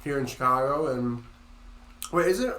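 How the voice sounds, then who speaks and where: A man's voice: mid-range voice, expressive, moderate pace, a bit bright, slight background noise. A man co-hosting a casual podcast, joking in a laid-back way. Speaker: podcast co-host. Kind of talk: casual chat. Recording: echoey room.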